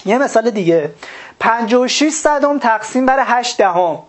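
A woman teaching a recorded math lesson. She explains step by step, puts questions to her students and answers them herself, and often fills pauses with "uh". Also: fairly high pitch, animated. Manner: frequent "uh" fillers while thinking; addresses students directly, urges them to work along.

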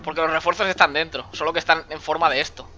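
A young man from Spain narrates a horror game with jumpy, sarcastic running commentary. His voice sits high and sharply bright, and it swings widely in pitch. A faint noise hangs behind him. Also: steady tone, fast, muffled recording. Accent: Spain Spanish. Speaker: gaming streamer.

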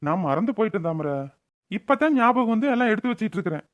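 A kindly, forgetful middle-aged village man from a cartoon, with a woman voicing him. He speaks plainly and apologetically at a medium pitch. The sound is dull and lo-fi. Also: animated, quick pace, lightly acted. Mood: apologetic. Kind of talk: cartoon voice-over.

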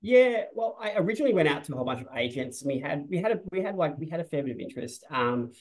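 A man's voice: fairly high pitch, lively intonation, rapid-fire, low-quality recording. A man, a film director talking over a webcam in a loose, rambling way, full of restarts and "like.". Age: 40s. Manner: rambling, restarts often, says "like" a lot. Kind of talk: casual interview on a video call. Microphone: video call webcam.

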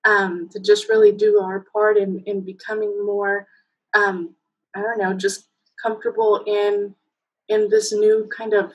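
Warm storytelling, loads of fillers and bursts of laughter mark this guest's talk in a casual video-call interview. She's a woman in her thirties from Mexico, a native Spanish speaker, calling from a room at home on a laptop webcam. Her mid-range voice is slightly rough, and the audio sounds dull.

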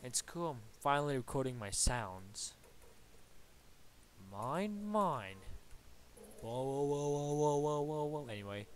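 A young man from Bulgaria, speaking with a Bulgarian accent in a fairly high, expressive voice, commentates his game slowly and with frequent pauses. Sitting at his computer at home, he rambles and swears playfully at enemies in a casual let's-play. Slight background noise comes through an awkwardly placed desktop mic.

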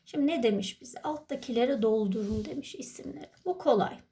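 A woman's voice: a little high, brisk, warm tone, slight background noise. A woman teacher with a Turkish accent, walking through an exam step by step and answering her own questions. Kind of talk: exam walkthrough lesson.

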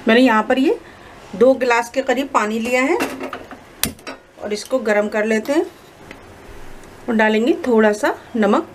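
A woman with a slightly high voice guides listeners through a recipe at an even, measured pace. Her tone is calm and instructive. Faint kitchen noise sits behind her. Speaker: cooking channel host. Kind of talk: step-by-step recipe voice-over. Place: home kitchen.

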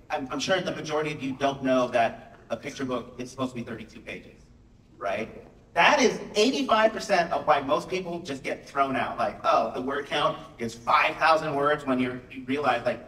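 A man on an author panel, telling a casual story to an audience, animated and acting out the people he quotes. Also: medium pitch, a little fast. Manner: animated, acts out quotes with a raised voice. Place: school auditorium. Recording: roomy hall, mic from a distance.

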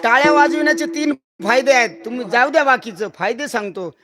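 A man's voice: extremely high pitch, quick pace, loud music behind the voice. A man preaching a devotional kirtan sermon to a live gathering, declamatory and teasing the crowd with rhetorical questions.

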